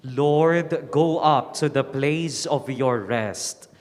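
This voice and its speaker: Slow man responding, echoing church. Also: mid-range voice. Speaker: congregational respondent at Mass. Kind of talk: liturgical responses. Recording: long church reverb.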